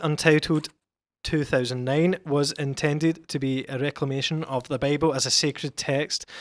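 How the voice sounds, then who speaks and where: A man's voice: medium pitch, fairly bright tone, no room sound, clean studio sound. A young man hosting a casual podcast, chatty and friendly, with loose rambling introductions. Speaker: podcast host.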